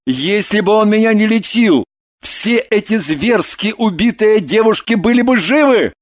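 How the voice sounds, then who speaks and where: A man's voice: high voice, expressive, measured pace. A man voicing a troubled young male killer who bitterly confesses, in an audiobook reading.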